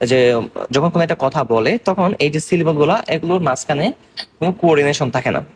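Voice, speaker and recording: A man's voice: fairly high pitch, a little hiss or hum. A young man from Bangladesh giving an exam-focused medical lecture, explaining step by step and often checking that students follow. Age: young adult. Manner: explains slowly in mixed Bengali and English terms, checking understanding.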